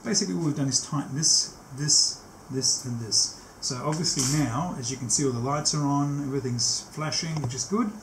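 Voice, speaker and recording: Working in a cramped, cluttered indoor workshop, a sixty-something technician sets up a tape machine and explains the process step by step, unscripted, pausing as his hands stay busy. His pitch is medium. The camera mic records an echoey room with a faint hum of background noise.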